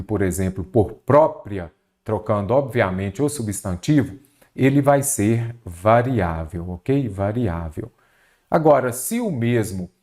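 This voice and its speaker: A man teaching an online exam-prep lesson, talking straight to viewers and often checking in with "ok?". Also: fairly low pitch. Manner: animated, addresses viewers directly, repeats "ok?" and "observe". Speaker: Portuguese teacher.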